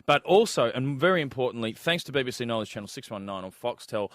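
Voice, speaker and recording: A man with an Australian accent hosting a radio show in a studio, with brisk, jokey presenter patter. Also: mid-range voice, lively intonation, dry recording. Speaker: radio host. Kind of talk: breakfast radio banter. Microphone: close studio mic.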